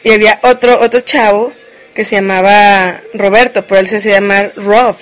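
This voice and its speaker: A woman's voice: mid-range voice, fairly even intonation, normal speed. Mexican woman venting to camera, blunt and slangy, lots of fillers and cussing. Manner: blunt, slangy, peppered with "o sea" fillers and swearing. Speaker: vlogger. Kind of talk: casual ranting monologue.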